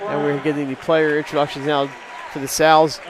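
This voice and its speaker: A man calling live high school basketball in a chatty way, sounding nasal and stuffy, as if pinching his nose, because he is under the weather. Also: level tone, brisk, poor audio. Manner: chatty, joking asides. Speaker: play-by-play sports announcer. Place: indoor school gymnasium. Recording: gym crowd and bouncing basketballs behind.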